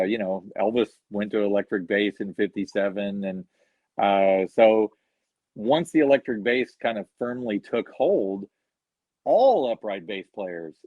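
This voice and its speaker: Animated and a little slow, this lowish-voiced musician rambles through anecdotes full of "you know" as a guest in a relaxed video-call interview. The lo-fi recording sounds slightly dull and dry.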